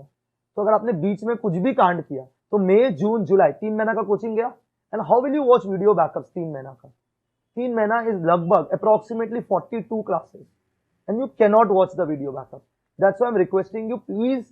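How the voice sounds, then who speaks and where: A man's voice: sits high, narrow, tinny audio. A male accounts teacher giving a classroom lecture in mixed Hindi and English, often checking "ठीक है?" and quizzing his students.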